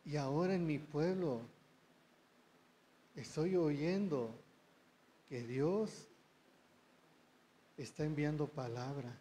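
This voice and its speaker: A man preaching, unhurried and measured. His voice sits a little high for a man yet sounds mellow and soft-edged. He keeps turning to the congregation with short questions. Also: slight background noise. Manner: slow, addresses the congregation with rhetorical questions. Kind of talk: sermon.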